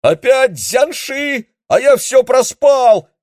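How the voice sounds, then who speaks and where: A man voicing a cowardly young man who shrieks in frantic panic, in a very high, loud voice. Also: sing-song, slow pace, no room sound, clean studio sound, full character voice. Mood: panicked.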